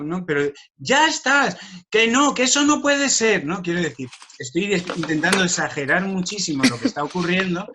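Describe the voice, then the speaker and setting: Passionate man with a high-ish voice. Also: a bit bright. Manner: passionate and emphatic. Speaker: workshop presenter. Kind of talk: online workshop talk.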